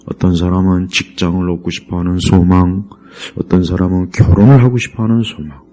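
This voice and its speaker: A middle-aged male pastor preaching a sermon, repeating key words emphatically and swinging between loud rises and quiet drops. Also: low voice, steady tone, brisk. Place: church.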